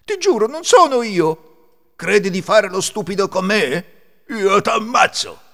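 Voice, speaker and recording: A man's voice: sits high, very animated, takes it slowly, gravelly, fairly bright tone, long reverb tail, pitched above the performer's own voice, heavily acted. A man voicing bad-tempered male thieves, raised and menacing, in a storytelling reading. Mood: threatening.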